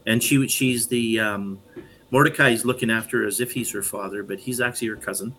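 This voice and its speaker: A man explaining a Bible story in casual discussion, thoughtful and halting with frequent restarts. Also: on the low side, steady tone, sharp tone, a little hiss or hum, low-quality recording. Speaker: podcast co-host and Bible teacher.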